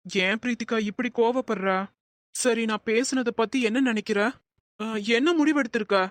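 A woman voicing a remorseful young husband in an animated cartoon, talking in an earnest, pleading way. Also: a little high, moderate pace, no room sound, close to an everyday voice.

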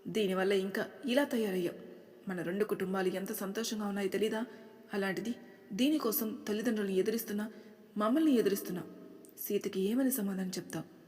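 A woman's voice: medium pitch, fairly quick, darkish tone, big-room sound, natural voice. Woman voicing a reproachful aunt. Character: bitter scolding middle-aged mother-in-law.

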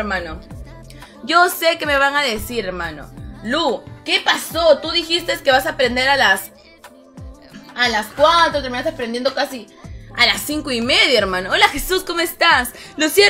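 A young woman chatting casually on a live game stream, greeting viewers by name and reading their comments, her voice a little strained. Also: bright, forceful tone. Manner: ends phrases with a low, drawn-out "hermano". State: voice strained, rough.

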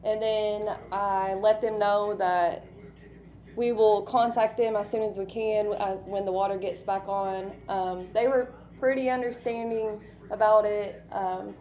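A woman working as a laundromat attendant, answering questions on camera in a hesitant way with many pauses. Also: medium pitch, fairly even intonation, lo-fi sound.

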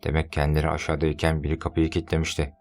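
A man with a very low, deep voice reads a novel aloud in a steady, measured way. Faint music plays beneath him. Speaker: audiobook narrator. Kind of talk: scripted narration.

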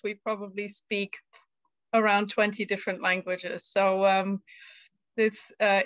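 A woman's voice: medium pitch, fairly bright tone, dry recording, lo-fi sound. A woman from Germany hosting a live video call as a tour guide, friendly and with frequent fillers. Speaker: UN tour guide, session host. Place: home room, indoors. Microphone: laptop video call.

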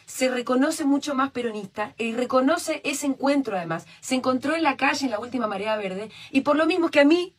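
A woman's voice: sits high, animated, fairly quick, few pauses, slightly rough. A woman speaking on a political panel in an earnest, insistent way. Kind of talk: panel debate.

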